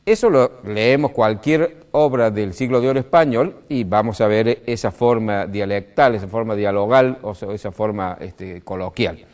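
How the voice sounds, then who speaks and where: A man's voice: lowish voice, moderate pace, few pauses, darkish tone. An Argentine man with a Córdoba accent, explaining grammar in a didactic way, full of "este" fillers and rising stresses. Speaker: speaker on language. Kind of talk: explanatory talk.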